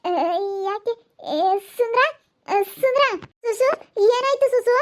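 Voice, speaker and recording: A woman voicing a startled young village wife who fusses loudly and repeats her questions, with a Hiriyur Kannada accent. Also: extremely high pitch, takes it slowly, voice pushed up. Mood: alarmed. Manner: loud, fussing, repeats questions.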